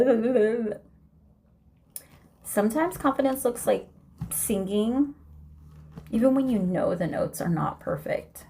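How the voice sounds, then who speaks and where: Slow, earnest woman giving an inspirational talk. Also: medium pitch. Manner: slow, emphatic, drawn-out phrases with soft near-whispered words. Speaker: vlogger. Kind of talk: inspirational faith-based monologue.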